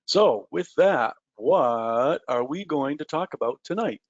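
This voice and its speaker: A man's voice: medium pitch, animated, slow, no echo, muffled recording. A man presenting a live trading webinar, talking to his listeners in a loose conversational way with frequent "uh" and "um" fillers. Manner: conversational, many "uh" and "um" fillers, addresses listeners directly.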